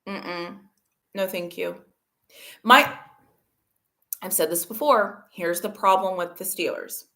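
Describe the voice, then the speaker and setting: A woman's voice: on the low side, takes it slowly, pushed and bright. A woman hosting a casual football livestream, talking to her chat in an emphatic, argumentative way. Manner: talks to chat viewers. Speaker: livestream host.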